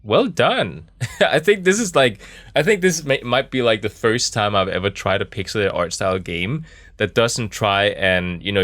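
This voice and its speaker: Man, game streamer, lowish pitch, dry close sound, casual playthrough commentary, rambling, laid-back, joking. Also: a bit bright, no room sound. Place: small office in a camper.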